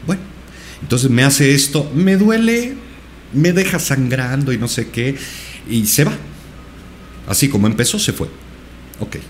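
A man's voice: mid-range voice, normal speed, pauses often, slight background noise. A male podcast guest earnestly recounting a personal experience, with many repetitions. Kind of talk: personal storytelling in a podcast interview.

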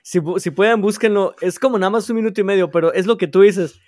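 A man's voice: sits high, fast, a little mellow, no echo, studio quality. A man hosting a podcast chat, laughing often and pushing the talk along. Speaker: podcast host steering the segments. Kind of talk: casual chat.

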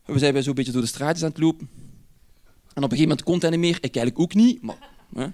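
A Flemish man from Ghent telling a personal anecdote in a lively way, laughing as he goes and using dialect words. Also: on the high side, fast. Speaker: storyteller.

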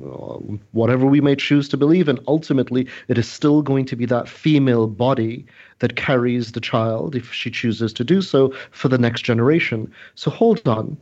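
A man as a podcast guest, speaking at a middle pitch and laying out his points earnestly, stressing and restating each one. His audio sounds a little muffled and lo-fi. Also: darkish tone. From Trinidad. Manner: earnest, emphatic, lecturing, repeats points. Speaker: scientist guest. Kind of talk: interview explanation. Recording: slightly dull lo-fi audio.

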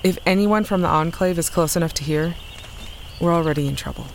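Actor voicing blunt practical scout, clipped delivery, mid pitch, audio drama. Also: a little fast, a little hiss or hum, natural voice. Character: tough, practical scout leading the way.

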